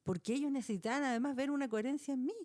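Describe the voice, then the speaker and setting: A middle-aged Chilean woman telling a personal story as a podcast guest, colloquial and animated. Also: sits high, racing.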